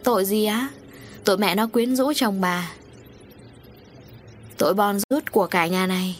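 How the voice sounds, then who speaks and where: A woman's voice: medium pitch, moderate pace, soft background music, close to an everyday voice. A woman voicing a jealous, vicious middle-aged wife who accuses and sneers. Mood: jealous accusing.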